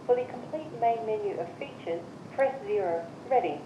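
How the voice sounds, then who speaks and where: A woman's recorded voice reading voicemail system menu prompts in measured, evenly spaced instructions, heard through a phone speaker. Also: medium pitch, lively intonation, dark tone. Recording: muffled, echoey phone speaker with hiss.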